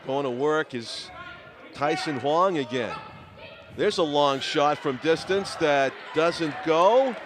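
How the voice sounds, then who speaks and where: A man's voice: a little high, slow pace. A man doing play-by-play commentary for a youth basketball game in a school gym. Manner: steady play-by-play calling names. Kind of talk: local sports commentary. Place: school gymnasium. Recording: noisy gym ambience.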